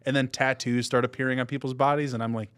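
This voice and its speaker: A man's voice: mid-range voice, quick pace, clean tone. A man co-hosting a casual podcast, telling stories and acting out the people he quotes. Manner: animated storyteller who acts out quoted people. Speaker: podcast co-host. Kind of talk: casual chat.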